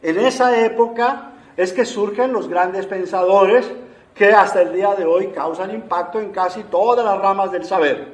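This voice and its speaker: A man giving an unhurried, explanatory lecture on Bible translation to an audience, often pausing with "eh" fillers. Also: sits high. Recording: roomy echo.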